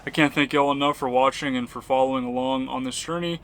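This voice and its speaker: American guy doing a laid back travel vlog, just chatting along, medium pitch, no rush. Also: steady tone, fast, a bit bright, a little hiss or hum. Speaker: travel vlogger. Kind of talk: casual vlog narration.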